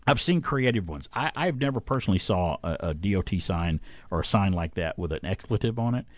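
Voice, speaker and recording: A man's voice: low voice, lively intonation, a little fast, no room sound. A man hosting a casual radio chat in a rambling, folksy way, close on a studio mic. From Atlanta area, United States. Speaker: radio host. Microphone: close broadcast mic.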